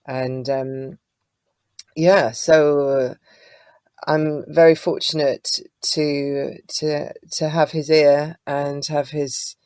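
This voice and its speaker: Speaking very slowly in a low, level voice with no room sound, a woman singer-songwriter chats through an interview. Her storytelling is warm and casual, with frequent fillers.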